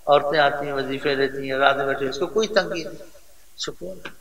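A man's voice: fairly high pitch, fairly bright tone. Older man in a distant, echoey hall. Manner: earnest, rambling, heartfelt. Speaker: religious elder giving advice. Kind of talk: informal religious storytelling.

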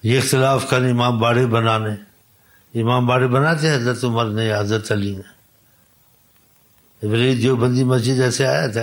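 A man delivering a sermon in an exhorting, insistent way. His voice sits at an ordinary middle pitch. He circles back to the same points again and again and weaves recited Arabic quotations into his preaching. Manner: exhorting, repetitive, quotes Arabic hadith. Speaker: Islamic preacher.

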